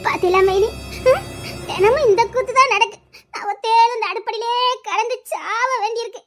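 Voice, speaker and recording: A very high, quick-talking woman with a complains on and on, tearful and aggrieved, as an actress plays her. Her words tumble out in a run of grievances in a web series drama. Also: faint music behind. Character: grumbling woman complaining about her household to a sister-in-law.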